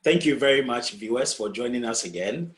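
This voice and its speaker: A man hosts an interview show, greeting his guest warmly and heaping praise on her answers. His voice sits at an ordinary middle pitch. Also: animated, a little fast. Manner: effusive, heaps praise on the guest. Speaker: show host. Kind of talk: interview hosting.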